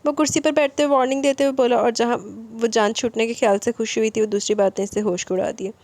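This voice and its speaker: A woman's voice: steady tone, a little mellow, no room sound. Woman reading a novel aloud, acting every part. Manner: voices dialogue with raised pitch and more force. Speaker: narrator. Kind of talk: novel read aloud, voicing each character.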